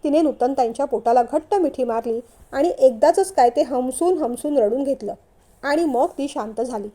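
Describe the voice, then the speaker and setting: A woman narrating a family novel in a steady storytelling manner. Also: sits high, normal speed. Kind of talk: scripted narration.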